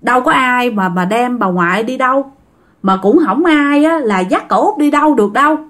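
A calm adult nephew pleads softly and soothingly, as a woman narrator voices him. His voice sits fairly high and moves with lively pitch. It is told as part of a ghost story. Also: normal speed. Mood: pleading.

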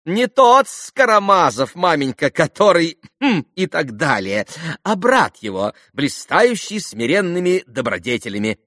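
A man voicing a servile, buffoonish, agitated middle-aged captain in an audiobook, with a shrill, fawning, theatrical delivery. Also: sing-song, measured pace, fairly bright tone, dry recording, studio quality.

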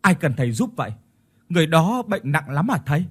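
A man's voice: fairly high pitch, big pitch swings, fairly quick, fairly bright tone, slightly rough, pitched above the performer's own voice, full character voice. A man voicing a heartbroken, polite young village man in a ghost story. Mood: sad.

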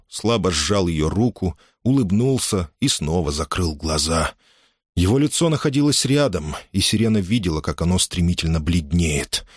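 A man narrating a dramatic story as an audiobook in a measured, expressive way. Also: low-pitched, no echo, studio quality.

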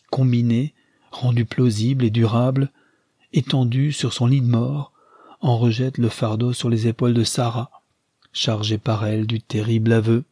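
A man reading a classic novel aloud as narrator, measured and solemn. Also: medium pitch, dark tone, slightly rough, no echo, clean studio sound. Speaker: audiobook narrator. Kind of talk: scripted narration.

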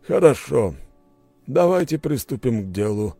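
A man voicing a calm, cold and dignified male count who speaks slowly. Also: mid-range voice, vocal fry, no echo, soft background music, pitched above the performer's own voice, full character voice. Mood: measured.

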